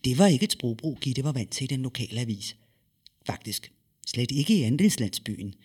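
A man reading a story aloud with lively, expressive delivery and dramatic pauses. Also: medium pitch, husky. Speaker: narrator.

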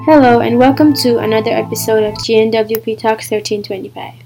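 A young woman intern hosting a podcast, reading a measured, scripted introduction and questions. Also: on the high side, steady tone, dark tone, faint music behind, rough recording. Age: young adult. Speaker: intern, show host.

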